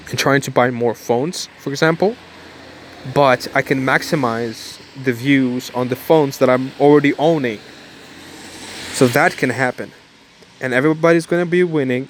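A young man of nineteen stands out in the cold, casually vlogging a rambling pep talk that keeps repeating itself. He talks at medium pitch over slight background noise.

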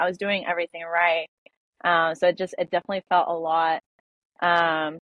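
A woman's voice: on the low side, dry recording, highs cut off. A young woman in her twenties, a podcast guest, telling a personal story in a casual way with many fillers.

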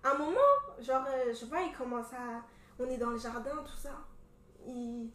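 A young woman from Cameroon telling a story in casual chat, animated and full of fillers. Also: a little high, moderate pace. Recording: echoey room from a distance.

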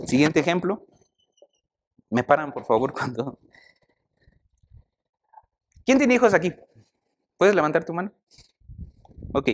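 Lively preacher man. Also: on the high side, takes it slowly, long pauses, a little hiss or hum. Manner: animated, conversational, asks the audience questions. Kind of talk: sermon.

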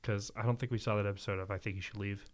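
A man's voice: on the low side, fairly even intonation, rapid-fire. A young man co-hosting a casual podcast chat, playfully teasing the others. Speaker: podcast co-host.

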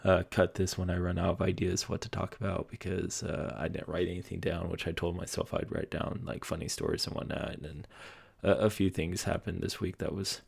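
Host: young adult man, very deep gravelly voice, husky, meandering solo podcast talk. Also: level tone, brisk, hardly any pauses. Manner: rambling, self-deprecating, many fillers. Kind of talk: casual solo podcast monologue. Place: home basement room.

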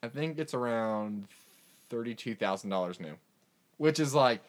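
A man's voice: medium pitch, moderate pace. A young man chatting casually with friends on a podcast, telling rambling stories. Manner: animated, rambling storyteller. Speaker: podcast co-host. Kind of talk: casual chat.

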